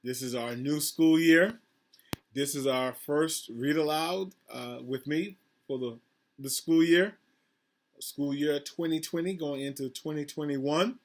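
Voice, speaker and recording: A school principal with a fairly high, unhurried voice reads a picture book aloud to children over a video call. He encourages them warmly, praising them and asking questions about the pictures.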